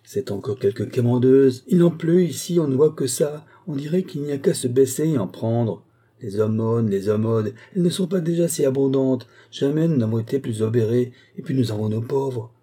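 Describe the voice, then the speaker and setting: A man's voice: mid-range voice, moderate pace, dark tone, pitched above the performer's own voice, lightly acted. A man reading an audiobook voices a scolding, disdainful woman who keeps house for a priest.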